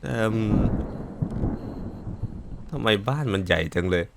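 A man's voice: sits low, expressive, slow, gravelly, noisy background. A man playing a horror game and talking casually, jumpy and muttering, swearing often and calling out nervous hellos. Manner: calls out nervous hellos into the dark. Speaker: gaming channel host.

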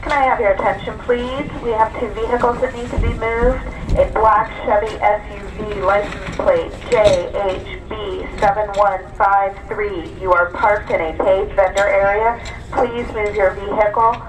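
A woman's voice: medium pitch, steady tone, unhurried. A woman announcer reading formal public address instructions, repeating them plainly. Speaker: market announcer. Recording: distant loudspeaker in noisy outdoor air.

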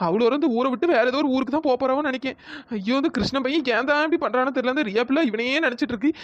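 A woman's voice: high voice, no room sound, muffled recording, lightly acted. A woman voicing a bossy, gossiping village neighbor in a cartoon story, with chatty, scolding talk. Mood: gossipy. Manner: chatty, scolding, fast-talking.

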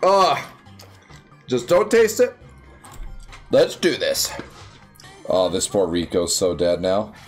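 A young man giving casual, excitable commentary while playing a video game, yelping and squealing at his wins. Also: low-pitched, takes it slowly, pauses often. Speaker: gaming YouTuber. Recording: faint music behind.

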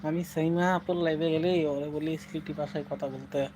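A man's voice: fairly high pitch, steady tone, moderate pace, background noise. A man chatting casually on a live stream, answering viewers' comments and playfully slipping into dialect phrases.

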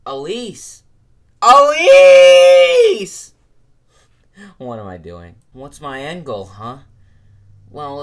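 A woman's voice: sits low, exaggerated voice. A woman voicing a cocky male blue hedgehog hero who trades teasing one-liners.

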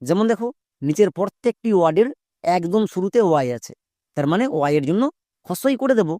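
An English pronunciation teacher giving a spoken spelling lesson, breaking words into sounds step by step and pausing for quick check-in questions. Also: mid-range voice, lively intonation, warm tone, dry recording, studio quality. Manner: repetitive, patient explaining.

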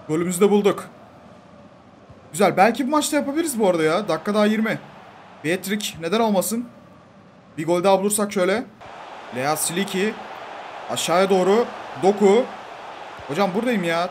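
A gaming YouTuber gives casual, excitable live commentary on his own football video game match, talking to the players on screen. His voice sits high, with slight background noise.

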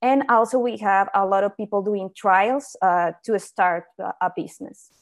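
A young woman, giving a slide presentation over a video call, pausing often on fillers and restarting her sentences. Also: mid-range voice, steady tone. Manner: hesitant, many fillers and restarts. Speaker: invited speaker on indoor farming.

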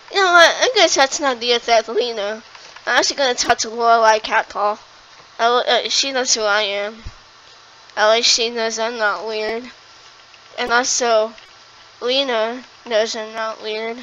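Exasperated, slow-talking woman. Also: fairly high pitch, sharp tone, muffled recording. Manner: exasperated, dramatic complaining. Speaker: video creator. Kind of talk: comedic skit narration. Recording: faint background noise.

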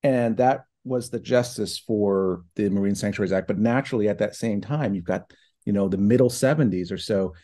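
Middle-aged guy on a video call from his home office, lowish mellow voice, lots of uhs and you knows. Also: a little fast. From New Hampshire and Ohio, United States. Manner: thoughtful, many fillers and restarts. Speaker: guest, foundation president. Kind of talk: casual online interview. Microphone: video call from laptop.

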